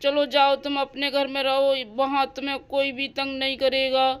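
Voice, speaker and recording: A woman voicing a calm, indulgent father in a doll-house cartoon story, speaking in a reassuring way. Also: high voice, normal speed, lightly acted. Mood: soothing. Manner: soothing, reassuring.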